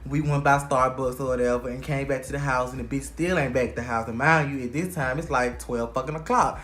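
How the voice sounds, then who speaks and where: Animated, profane young man telling a story. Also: medium pitch, fairly quick. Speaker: vlogger telling a personal story. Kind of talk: casual storytime monologue.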